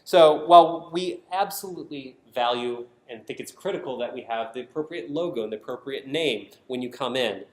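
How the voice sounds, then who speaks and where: Speaking at a medium pitch and a slightly quick pace with few pauses, a man delivers a prepared conference talk, driving his points home with emphatic stresses. He is a presenter from the design team of a public radio network, speaking indoors at a conference. The room adds noticeable echo to the recording.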